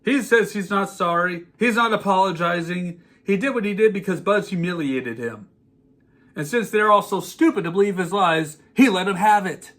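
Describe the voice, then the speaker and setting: A man's voice: high-pitched, fairly bright tone. A man hosting a podcast, giving a sarcastic, exasperated movie rant. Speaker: podcast host. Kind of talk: ranting movie commentary.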